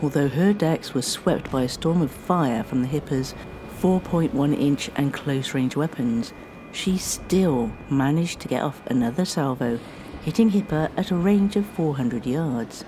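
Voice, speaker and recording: A woman presenting a radio history show, reading a scripted narration in a measured way that slows down on dramatic lines. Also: low-pitched, background noise.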